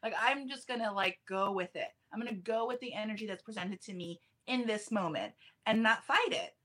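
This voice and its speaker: A woman's voice: medium pitch, a little fast, a bit bright. A woman speaking as a numerology guest in a casual podcast interview, chatty, restarting her sentences and laughing easily.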